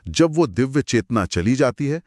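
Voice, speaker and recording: A man co-hosting a conversational retelling of scripture, narrating with expressive, dramatic pauses. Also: medium pitch, no echo, studio quality. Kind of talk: conversational storytelling discussion.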